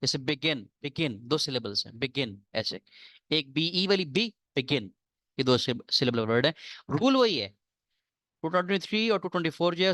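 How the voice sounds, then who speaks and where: A male English teacher, lecturing to a class on spelling rules, reading rules slowly and explaining them in quick asides. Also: a little high, fairly bright tone, no room sound. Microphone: recorded lecture mic.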